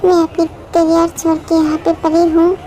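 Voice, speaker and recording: A woman's voice: very high-pitched, monotone, moderate pace, warm tone, faint music behind. Woman voicing a jealous young woman rival. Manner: resentful, indignant. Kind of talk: fan-made story dubbing.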